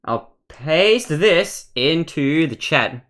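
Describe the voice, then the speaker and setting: A game master narrating a tabletop game casually, with playful, animated exclamations. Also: mid-range voice, extremely slow.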